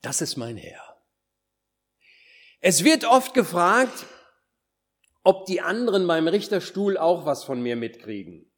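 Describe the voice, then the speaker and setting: A man preaching a sermon, acting out quoted words and dropping at times into hushed whispers for solemn points. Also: high-pitched, takes it slowly, long pauses. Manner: animated, swings between emphatic calls and hushed whispers.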